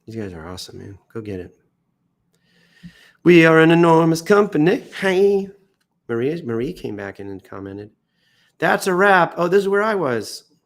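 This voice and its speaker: An American man reads news posts off the cuff on an indoor livestream, theatrical and jokey, swooping into exaggerated emphasis and self-mocking remarks. Sick and tiring, he coughs now and then. His voice is on the high side and creaky, with big pitch swings, a moderate pace and frequent pauses.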